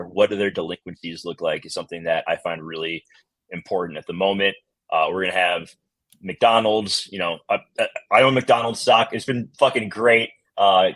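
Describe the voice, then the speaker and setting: A man's voice: low voice, a bit bright, no room sound. A man co-hosting a markets show, talking loosely with hesitations, jokes and swearing. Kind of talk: casual market chat.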